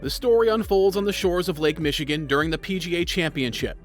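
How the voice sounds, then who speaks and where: A man's voice: fairly high pitch, expressive, fast talker. A man delivering scripted video narration in a dramatic storytelling manner. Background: music.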